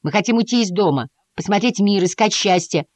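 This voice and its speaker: A woman voicing a chorus of cheeky, restless young mice in a storybook reading, loud and brash. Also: medium pitch, animated, a little fast, no echo, pitched above the performer's own voice, close to an everyday voice.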